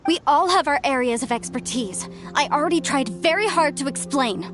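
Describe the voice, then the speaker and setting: A woman playing an earnest, principled young scholar in a video game, quick to take offense. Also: sits high, animated, music in the background. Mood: defensive. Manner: earnest, indignant.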